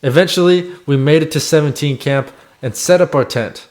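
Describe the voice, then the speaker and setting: A man's voice: a little high, normal speed. A man reading a scripted first-person voice-over about his own expedition in a reflective storytelling way. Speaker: climber narrating own expedition.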